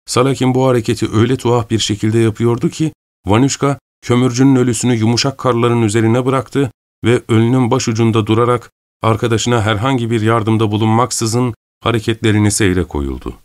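A man narrating a story aloud in a steady, even storytelling manner. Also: mid-range voice, brisk. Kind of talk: audiobook narration.

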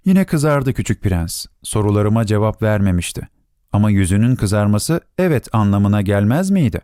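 A man reading a story aloud as narrator, in an expressive, melodic storytelling manner. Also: lowish voice, moderate pace, clean tone, dry recording, clean studio sound.

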